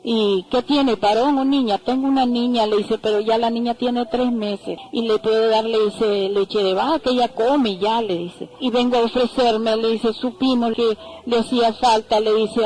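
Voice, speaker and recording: A woman's voice: fairly high pitch, steady tone, normal speed, few pauses, darkish tone, a little hiss or hum, rough recording. An older woman recounting family memories in an interview, acting out the quoted voices and adding frequent tag phrases. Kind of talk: oral history storytelling.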